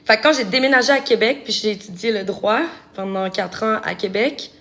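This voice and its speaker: A woman's voice: medium pitch, a little fast, fairly bright tone. A young woman from Montreal with a Québécois accent, chatting casually and self-mockingly, with slang and frequent laughs. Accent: Québécois French. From Montreal, Quebec. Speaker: vlogger, real estate broker. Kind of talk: casual chat to camera.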